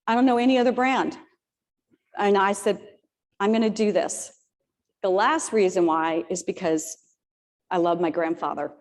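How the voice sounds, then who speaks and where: A woman in her fifties tells a motivational story from a stage, chatty and personal, with joking asides to the crowd. Her voice rings out with a long reverb tail in a large old theater. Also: medium pitch. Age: 50s. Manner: lively, personal storytelling with humorous asides to the audience. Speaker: keynote speaker.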